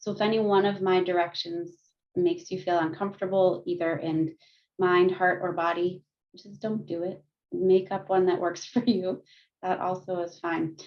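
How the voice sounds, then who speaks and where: Heard through muffled, lo-fi video call audio, a lowish-voiced woman counselor calmly leads a group in guided mindfulness and gentle yoga, with frequent light laughs.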